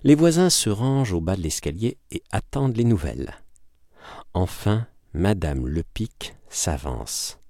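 Man, audiobook reader, expressive literary narration, low voice, dry recording. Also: measured pace, dry recording. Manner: lively, acted-out narration.

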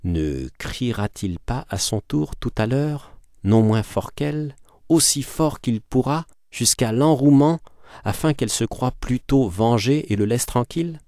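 A man reading a story aloud with lively, acted-out narration. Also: medium pitch, a little slow, dry recording, clean studio sound. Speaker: audiobook reader. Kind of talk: expressive literary reading.

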